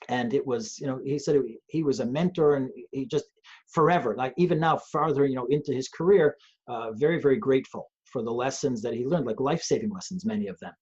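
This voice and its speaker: A man's voice: medium pitch, fast talker, a little mellow, husky, dull audio. A man, a police trainer, talking earnestly and thoughtfully on a webcast, often restarting his sentences. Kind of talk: conversational webcast talk. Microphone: video call.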